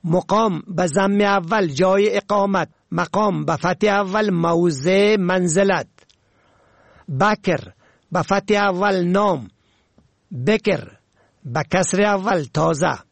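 High, gravelly-voiced male language presenter. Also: no room sound. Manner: measured, listing words with their pronunciations one by one. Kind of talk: scripted instructional reading.

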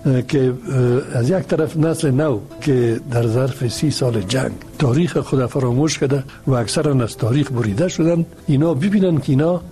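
Earnest man, mellow voice. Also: medium pitch, few pauses, soft background music. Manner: earnest, hesitant, with restarts. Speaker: interview guest. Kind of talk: radio interview answer.

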